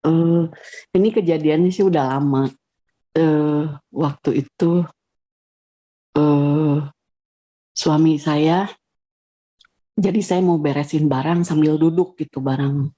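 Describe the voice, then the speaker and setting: A woman's voice: sits low, mellow. A woman calling in over a video call, hesitantly recounting a personal story before asking a question.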